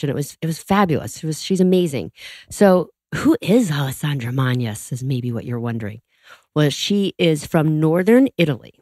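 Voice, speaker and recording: A woman's voice: deep voice, a little mellow, no room sound, clean studio sound. A woman hosting a podcast, talking casually and enthusiastically with lots of fillers and little laughs. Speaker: podcast host. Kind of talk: casual podcast intro monologue.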